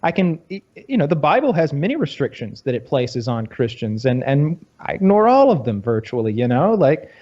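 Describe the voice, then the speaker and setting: A man from Georgia in the U.S., hosting a podcast in casual conversation, telling stories in a rambling, animated way with many restarts. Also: a little high, moderate pace, hardly any pauses. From Georgia, USA. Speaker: podcast host. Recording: slightly dull lo-fi audio.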